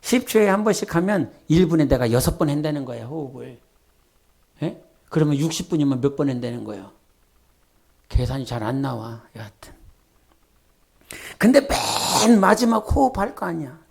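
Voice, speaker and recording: A middle-aged male pastor preaching in a church, talking to the congregation in a conversational way, with quiet asides and loud emphatic calls. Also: on the high side, animated, normal speed, creaky, pauses often, slightly rough. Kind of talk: sermon. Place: church sanctuary.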